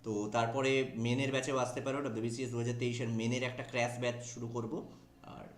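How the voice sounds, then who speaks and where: A man's voice: mid-range voice, flat delivery, rapid-fire, reverberant, slight background noise. A man teaching an exam vocabulary class with a Bengali accent, drawling key English words, spelling them out and often checking that students follow.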